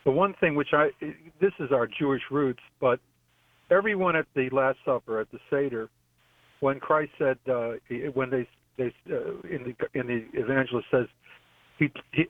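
A man calls in over a buzzy, glitchy phone line that keeps dropping out. The sound is tinny and dry. His pitch is middling, and he talks in halting, restarting phrases. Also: no room sound. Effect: buzzy, glitchy phone call audio that cuts out. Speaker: caller. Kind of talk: phone-in question to a radio show.

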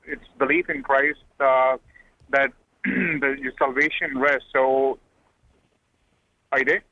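A male caller talks over a speakerphone, his voice thin and distant down the phone line. He speaks haltingly, pausing and clearing his throat as he gets his question out. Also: medium pitch. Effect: heard over a speakerphone. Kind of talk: call-in radio question.

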